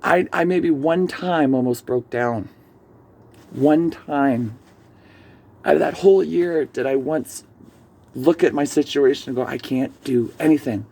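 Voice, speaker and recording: A man's voice: a little high, a little slow, long pauses, a little mellow. A man sharing an earnest, emotional personal testimony as a vlogger, rambling as he tells his story.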